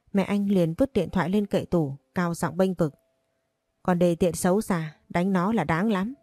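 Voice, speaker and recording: Woman reading a story, low mellow voice. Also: no echo, studio quality. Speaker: story narrator. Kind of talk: first-person storybook narration.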